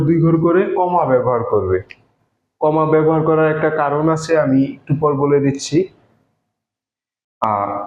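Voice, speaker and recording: In an echoey room with a dull, lo-fi sound, a man teaches a math lesson step by step. His voice sits on the high side and is a little mellow, and he has a Bangladeshi Bengali accent. He explains slowly and patiently, using many fillers.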